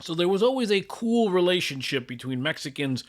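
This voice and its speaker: A middle-aged man from Los Angeles hosts a sports channel, chatting through the news in a loose, casual style full of fillers and restarts. His high voice is very animated and runs a little fast.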